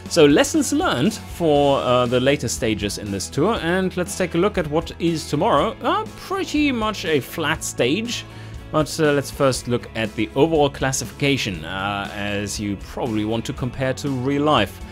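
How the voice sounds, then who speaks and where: A man hosting a let's play, commenting casually on his gameplay, animated and quick to swear and laugh in frustration. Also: fairly high pitch, faint music behind.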